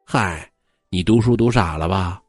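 A man voicing a teasing forest maiden, husky. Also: deep voice, a little slow, dry recording, faint music behind, pitched below the performer's own voice. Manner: playful, coaxing, mock-spooky. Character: sweet teasing young forest maiden, perhaps a ghost.

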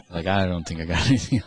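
Lively low-voiced joking man. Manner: joking, laughs often. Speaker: podcast co-host. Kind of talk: casual banter.

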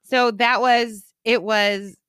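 A woman's voice: fairly high pitch, fairly even intonation, slow, fairly bright tone, clear, resonant tone, no room sound. A woman co-hosting a podcast in casual conversation, with an informal, reactive way of talking. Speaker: podcast co-host.

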